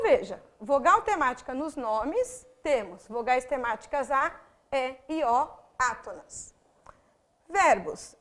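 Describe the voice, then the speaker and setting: A woman with a high, fairly bright voice and a Brazilian Portuguese accent teaches a grammar video lesson for exam candidates, walking the viewer through it step by step with frequent asides.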